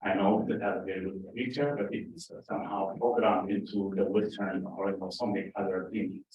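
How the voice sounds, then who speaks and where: A man's voice: low-pitched, fairly even intonation, moderate pace, muffled recording, a little hiss or hum. A man from Ethiopia making remarks at a forum, hesitant and full of fillers. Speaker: forum contributor. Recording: echoey hall, speaker far from mic.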